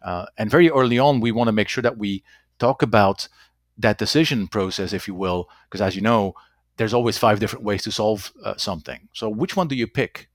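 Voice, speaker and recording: In a conversational interview, a low-voiced executive from Belgium, whose first language is Dutch, answers haltingly, repeating words and adding "right?" to his sentences. It's clean studio sound with no echo.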